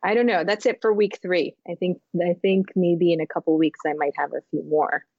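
A woman co-hosting a podcast in casual, reflective chat, thinking aloud with halting restarts and fillers. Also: fairly low pitch, fairly even intonation, no room sound, highs cut off. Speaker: podcast co-host.

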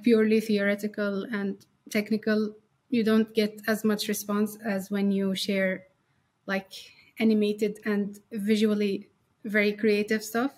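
A woman's voice: mid-range voice, a little mellow. A young woman from Syria, a developer being interviewed, friendly and laughing often, repeating words as she talks. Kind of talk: casual interview.

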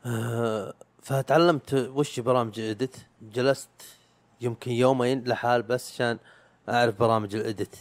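A young man rattles through a loose, rambling chat at a fast clip. His talk is self-mocking, full of slang and the odd swear word. The recording is close and dry, with no room sound. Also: medium pitch, steady tone, no room sound. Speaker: YouTube podcaster. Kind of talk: casual chat.

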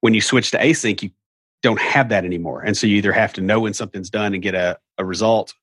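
A man's voice: lowish voice, quick pace, fairly bright tone, slightly rough, no room sound, clean studio sound. A middle-aged man with an Appalachian hillbilly accent, casually explaining things in a folksy, wry way with rambling asides. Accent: Appalachian hillbilly, Southern US.

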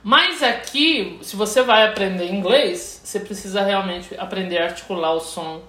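A woman whose first language is Portuguese, co-hosting a casual chat as an English teacher, telling stories with dramatic flair and quick asides. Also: mid-range voice, sharp tone. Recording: roomy echo.

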